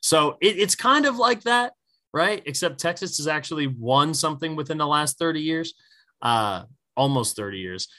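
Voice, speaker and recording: A man co-hosting a casual sports podcast, telling stories in a lively way, swearing freely and acting out what others said. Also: a little high, normal speed. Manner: animated storytelling, swears freely, acts out quotes. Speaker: podcast co-host.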